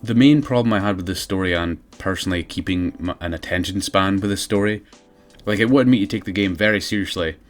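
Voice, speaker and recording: Man, video game reviewer, casual sardonic comedy commentary, sweary, lowish pitch, music in background. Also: a little fast.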